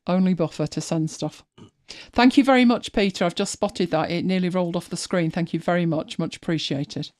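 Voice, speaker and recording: A woman's voice: lowish voice, a little fast, a little mellow, no echo, clean studio sound. A woman hosting a live stream, chatting casually as she walks viewers through her screen, thinking aloud and often restarting her sentences. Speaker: host.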